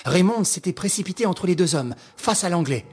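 A man narrating a classic novel aloud in a slow, measured, dramatic reading. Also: high-pitched, lively intonation.

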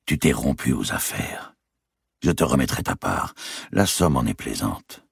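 A man playing a calm old banker uncle. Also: rumbling low, gravelly, husky, no room sound, clean studio sound, voice pushed down, exaggerated voice. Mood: fatherly. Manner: measured and unhurried. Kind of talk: audiobook character reading.

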